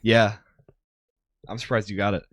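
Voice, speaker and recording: A man's voice: lowish voice, flat delivery, moderate pace, no room sound, clean studio sound. A young man co-hosting a podcast, chatting casually and rambling with lots of ums. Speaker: podcast co-host. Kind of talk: casual chat.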